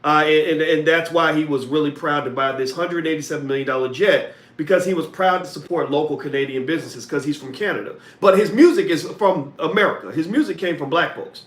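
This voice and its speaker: Earnest male host, higher voice. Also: brisk, hardly any pauses, fairly bright tone. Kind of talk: interview questions and commentary. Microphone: video call. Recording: roomy video call audio.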